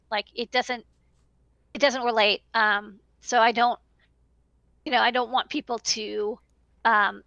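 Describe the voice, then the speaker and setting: On a headset livestream from a small indoor room, a woman in her thirties who owns an electronics business hands out advice casually and emphatically, repeating words for stress. Her voice sits on the high side, creaky and a bit bright, captured dry and lo-fi.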